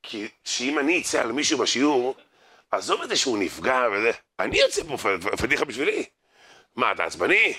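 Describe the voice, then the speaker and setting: A man's voice: mid-range voice, slightly rough. A man giving a humorous religious lecture to an audience, telling stories, acting out the people in them and urging his listeners to pay attention. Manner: lively storyteller who acts out others' voices and jokes; addresses the crowd directly, urging them to listen. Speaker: rabbi giving a Torah class.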